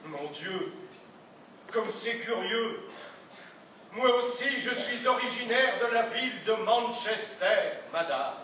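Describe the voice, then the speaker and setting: A man acting a stiff, overly polite husband in an absurdist stage play, speaking in a formal, ceremonious deadpan. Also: high-pitched, slow pace, a little hiss or hum, full character voice. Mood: stiffly polite. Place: theatre stage. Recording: echoey stage sound from a distant mic.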